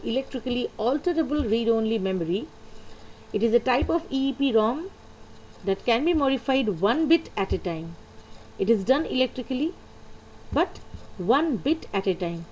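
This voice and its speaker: A woman's voice: a little high, animated, moderate pace, darkish tone, a little hiss or hum, low-quality recording. A woman, teaching a computer lesson and patiently repeating the key points. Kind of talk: lecture explaining slides.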